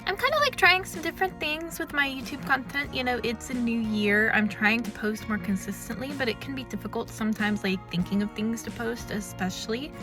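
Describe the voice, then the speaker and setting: American woman vlogger just chatting, kinda high voice, music behind her. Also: a little fast, few pauses. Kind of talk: casual chat to camera.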